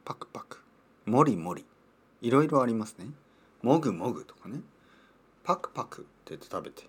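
A man's voice: mid-range voice, sing-song, fairly quick, breathy edge. A man in his thirties hosting a casual podcast for language learners, playful and rambling, often repeating words as he thinks aloud. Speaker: podcast host teaching Japanese. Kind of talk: casual solo podcast talk.

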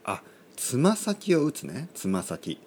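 A man hosting a solo podcast for language learners, talking in a playful, joking way and speaking slowly and clearly. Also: mid-range voice, wildly swooping pitch, a little mellow, a little hiss or hum. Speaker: podcast host teaching Japanese learners. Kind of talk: casual solo podcast talk.

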